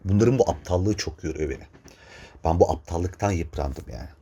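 Husky man ranting with lively pitch. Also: a little fast. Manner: profane, exasperated, laughing in disbelief. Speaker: podcast host. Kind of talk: heated casual rant.

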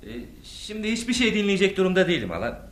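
Radio play: earnest young lover, emphatic and expressive. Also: male voice, high voice, fast talker. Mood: dejected. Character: earnest young suitor, frank and wry. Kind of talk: radio drama acting.

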